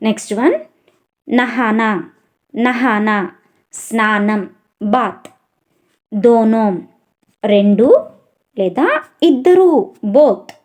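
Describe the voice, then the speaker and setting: A woman's voice: on the high side, lively intonation, extremely slow, pauses often. A woman teaching a vocabulary lesson, saying each word twice and then giving its meanings. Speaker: language teacher.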